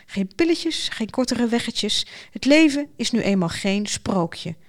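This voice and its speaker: A woman's voice: a little high, big pitch swings. A woman voicing a worldly, matter-of-fact aunt who dispenses blunt advice in a storybook. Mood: brisk. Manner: dry, brisk, knowing.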